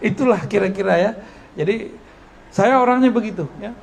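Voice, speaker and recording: A man giving a religious study lecture at an Islamic boarding school in casual style speech, lively and joking, often laughing. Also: high-pitched, measured pace, gravelly. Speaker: preacher.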